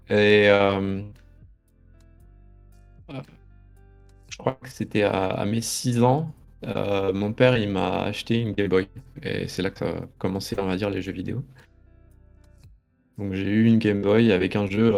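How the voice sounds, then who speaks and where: A man in his late thirties, originally from France, chats as an interview guest. His voice sits low, with a gravelly, fried texture. He rambles and hesitates as he reminisces. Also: a little mellow. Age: 30s. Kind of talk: casual interview chat.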